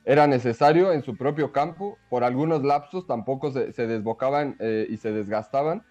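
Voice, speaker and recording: A man giving conversational football analysis in a hesitant, measured way. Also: mid-range voice, darkish tone, muffled recording, faint music behind.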